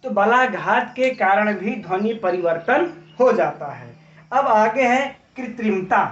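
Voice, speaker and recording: A man teaching an exam-prep lecture, explaining with examples, posing rhetorical questions and often adding a quick "right?" tag. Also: sits high, lively intonation, a bit bright. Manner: frequent tag "है ना". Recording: roomy, distant, dull lo-fi audio.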